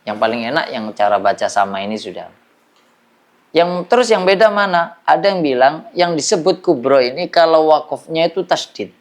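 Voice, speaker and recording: A man's voice: on the high side, expressive, moderate pace. A man teaching a classroom lesson on Quran recitation, explaining patiently and drilling examples.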